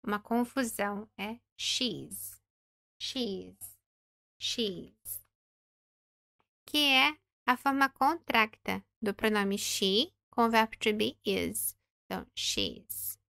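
A woman's voice: medium pitch, vocal fry, a bit bright, dry recording, studio quality. A woman in her thirties teaching an English pronunciation lesson, carefully repeating words and checking in with "ok?". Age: 30s. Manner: slow, careful modelling of English words, frequent "ok?" check-ins.

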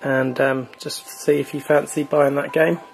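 His voice is fairly high and creaky, his pace measured, with slight background noise in the recording. The man hosts a gaming channel and gives a relaxed, chatty screen walkthrough of a console's online store, using many fillers.

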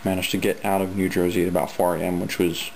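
A man's voice: sits low, little pitch movement, fast, creaky, very noisy. A man giving a matter-of-fact voice-over recap of a road trip. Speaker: voice-over narrator. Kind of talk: recorded trip recap narration.

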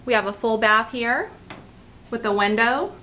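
A real estate agent in her thirties, she has a slightly high voice, bright and forceful, delivered at a measured pace with a little hiss or hum in the recording. On a handheld camera she gives a lively room-by-room rental tour, starting at the front door outside and then moving through an empty condo while pointing out its features.

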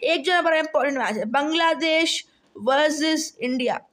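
Male host with a notably high voice, excitable, thinks out loud on camera. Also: normal speed. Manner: chatty, excitable, thinks aloud with fillers. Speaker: cricket explainer host. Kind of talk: casual explainer talk to camera.

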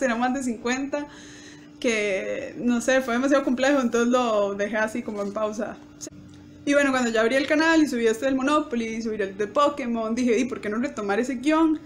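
A young woman, chatting to camera and acting out quoted lines with bursts of laughter. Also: sits high. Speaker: YouTuber. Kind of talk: casual storytelling to camera.

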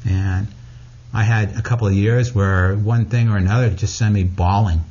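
Husky, blunt-talking man. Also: on the low side, steady tone, moderate pace, warm tone, muffled recording. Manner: blunt, frank, swears freely. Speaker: guest author. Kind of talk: candid interview talk.

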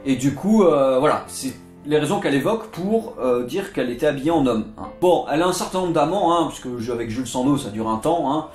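A man's voice: mid-range voice, animated, a little fast, a little mellow. A man giving a casual, chatty history lesson, full of jokey asides and digressions. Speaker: literature video host. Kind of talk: casual storytelling lecture. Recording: echoey room with faint guitar music.

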